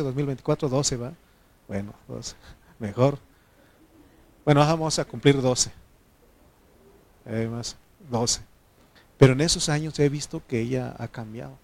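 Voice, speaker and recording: Guy preaching a chatty sermon, mid voice, lots of pauses and amens. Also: mid-range voice. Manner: informal, pauses on fillers, frequent amen. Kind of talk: conversational sermon.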